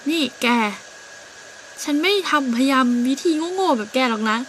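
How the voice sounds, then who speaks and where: A woman's voice: high-pitched, expressive, moderate pace, a little hiss or hum, rough recording. A woman voicing a rude, cocky bird who mocks the others. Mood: scornful. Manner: sneering, mocking.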